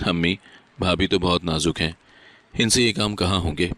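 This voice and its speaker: A man's voice: sits low, fairly even intonation, fairly bright tone. A man reading the lines of a spiteful, mocking young sister-in-law in a storybook narration. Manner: mocking, gossiping.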